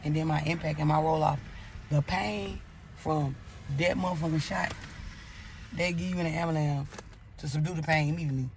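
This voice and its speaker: A woman's voice: sits low, steady tone, normal speed, pauses often, a little mellow, a little hiss or hum. A woman telling a personal story in a blunt, profane way, acting out her own angry outbursts as she goes.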